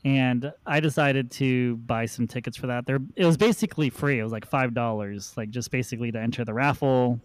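A man hosting a podcast, telling a relaxed anecdote in casual chat and laughing along. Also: medium pitch, brisk, hardly any pauses, no room sound. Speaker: podcast host.

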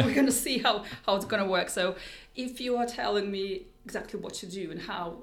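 A tech executive with a Russian accent appears as a guest in a podcast interview, speaking thoughtfully at a medium pitch with many restarts and repeated words. The room sounds echoey.

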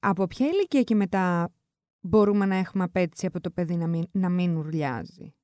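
A woman's voice: on the low side, mellow, no echo, studio quality. A woman hosting a podcast, chatting and asking questions, often voicing what parents would say. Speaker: podcast host. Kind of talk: casual podcast interview.

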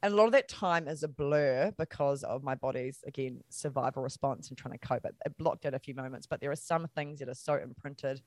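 A woman's voice: very deep voice, brisk, hardly any pauses, a little mellow, dry recording. A middle-aged woman from New Zealand, an interview guest telling her own story candidly, acting out quoted voices and laughing at herself.

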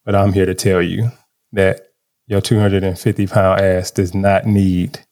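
A lower-voiced man hosts a podcast with loud, brash energy and a joking, swaggering delivery. His talk is casual and quick, as if he is hyping up his listeners. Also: little pitch movement. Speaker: podcast co-host.

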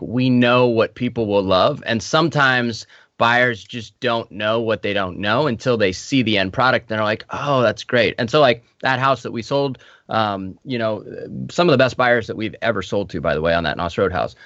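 A man co-hosting a casual podcast, talking in a relaxed, rambling way with fillers. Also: mid-range voice, moderate pace, no room sound, lo-fi sound. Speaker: podcast co-host, home builder.

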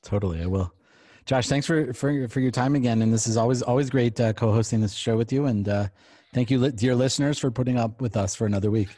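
A man co-hosting a podcast in casual chat, soft-spoken with short interjections. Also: medium pitch, quick pace, no room sound. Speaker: podcast co-host.

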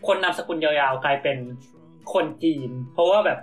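A man's voice: on the high side, moderate pace, soft background music. A man co-hosting a casual podcast, telling an improvised story with many fillers and restarts. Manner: rambling, full of fillers and restarts. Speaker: podcast co-host.

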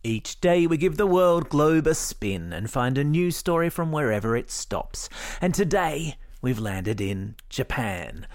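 A man's voice: medium pitch, no echo, studio quality. An Australian man hosting a kids' news podcast, reading scripted stories in an upbeat, playful way with jokey asides.

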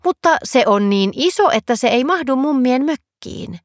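A woman's voice: high voice, expressive, no echo, clean studio sound, voice pushed up. A woman voicing a friendly, easygoing magical fox in a storybook reading.

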